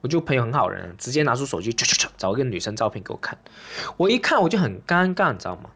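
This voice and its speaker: A man's voice: medium pitch, rapid-fire, background noise. A man hosting and performing an open-mic stand-up monologue, ranting in an exaggerated way and acting out little scenes. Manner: animated, exaggerated, rants and acts out scenes. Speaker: stand-up comedian and host.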